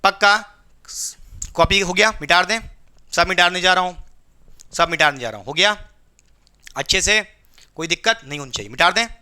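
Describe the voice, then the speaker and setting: A young man teaching physics in a lively call-and-response lecture, firing questions at his students and answering them himself. His voice sits high and sounds very bright and sharp, with a smooth, crisp tone. He slips in playful jokes as he explains. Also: normal speed, long pauses. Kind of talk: classroom lecture.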